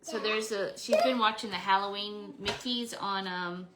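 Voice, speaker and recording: A woman's voice: mid-range voice, fairly even intonation, moderate pace, noisy background. A woman in her forties chatting casually to camera while painting a craft, rambling and talking to herself as she works. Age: 40s. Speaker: craft vlogger.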